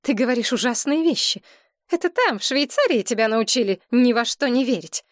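A woman's voice: on the high side, lively intonation, a little fast, dry recording, clean studio sound, pitched above the performer's own voice, close to an everyday voice. A woman voicing an anxious, easily upset widowed mother who pleads shrilly and emotionally in an audiobook. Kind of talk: audiobook character reading.

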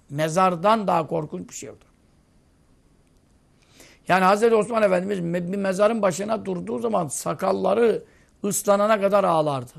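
Man, preacher, sermon, high voice, gravelly, rhetorical questions. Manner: rhetorical questions, vivid storytelling.

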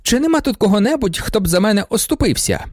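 A man voicing a lively young widow who teases and orders her companions about, in an audiobook. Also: high-pitched, fast, no echo, studio quality, pitched above the performer's own voice. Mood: mock alarm. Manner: teasing, commanding.

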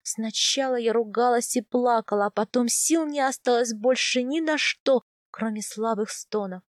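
A woman with a fairly high voice reads a first-person story aloud at a calm, measured pace. The recording is dry and close, with no room sound. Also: dry recording. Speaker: audiobook narrator. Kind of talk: first-person audiobook narration.

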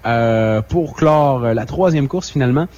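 A man's voice: medium pitch, unhurried, darkish tone, highs cut off. A man co-hosting a radio show, reading out a schedule with many fillers and self-mocking asides. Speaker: radio co-host.

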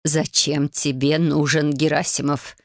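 A woman voicing a slow, anxious old-fashioned mother. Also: low voice, little pitch movement, dry recording, studio quality. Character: worried middle-aged mother, frail heart, anxious.

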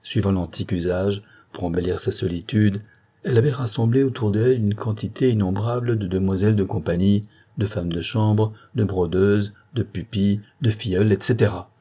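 A man reading a classic novel aloud in a calm, measured narration. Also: lowish voice, slightly rough. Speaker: audiobook narrator. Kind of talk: scripted narration.

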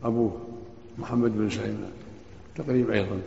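A man teaching as a sheikh, briskly interrupting the reader with quick corrections. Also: lowish voice, fairly even intonation, gravelly, darkish tone, slight background noise. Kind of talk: correcting a reader in a study circle. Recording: dull echoey hall recording.

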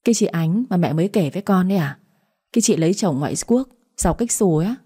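A woman's voice: on the low side, expressive, quick pace, mellow, breathy edge. A woman voicing a young adult daughter who pleads with her mother. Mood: curious.

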